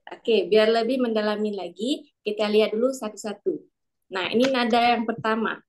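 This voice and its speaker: A woman teaching a class, patient and repeating each example slowly. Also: medium pitch, a little hiss or hum. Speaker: language teacher. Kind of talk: online class instruction.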